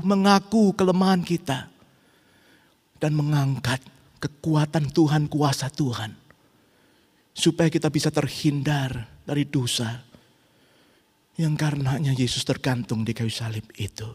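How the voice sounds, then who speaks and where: A middle-aged man preaching a sermon as pastor, swinging between loud urgent rhetorical questions and quiet, intimate reflection. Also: mid-range voice, husky. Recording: long hall reverb.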